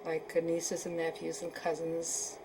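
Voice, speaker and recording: A woman in her seventies from Poland, answering questions in an oral history interview and often pausing to search for words. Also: deep voice, monotone, noisy background. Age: 70s. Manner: hesitant, searching for words with many fillers.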